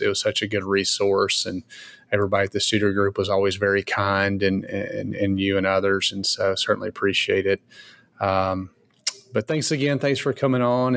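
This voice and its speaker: A man co-hosting a podcast talks in a relaxed, casual way, full of um's and restarts. His voice sits a little low and sounds dry and close. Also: creaky, dry recording. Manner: relaxed, many fillers and restarts. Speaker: podcast co-host.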